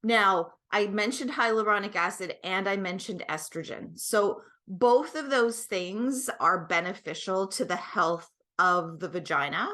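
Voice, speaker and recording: A middle-aged woman, a guest expert who created a product, explains things in a conversational, emphatic way and often checks that the listener is following. Her mid-range voice sounds pushed and bright, and she speaks unhurriedly with few pauses.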